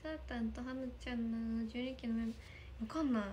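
A woman's voice: fairly high pitch, fairly even intonation, brisk, darkish tone, slight background noise. A young woman in a casual livestream, reading viewer comments, thanking them often and giggling. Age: young adult. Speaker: idol livestreamer. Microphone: phone camera.

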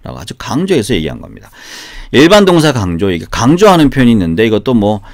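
Talking fast with huge swings in pitch, a medium-voiced man runs a casual English lesson featuring sung examples over background guitar. His style is chatty, with frequent rhetorical questions and repeated phrases.

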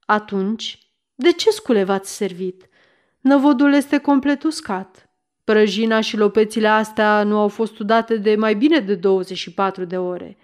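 A woman's voice: mid-range voice, darkish tone, natural voice. Woman reading as a stern village mayor. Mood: probing. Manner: firm, questioning. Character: stern middle-aged male village mayor. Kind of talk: audiobook reading.

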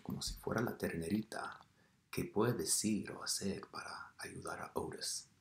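Guy reading a kids book to the class, slow pace, whispery bits, echoey room. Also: low voice, creaky, slight background noise. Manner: expressive storytelling, drops to whispers and asks questions. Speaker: teacher. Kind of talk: reading a picture book aloud to children. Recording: roomy echo.

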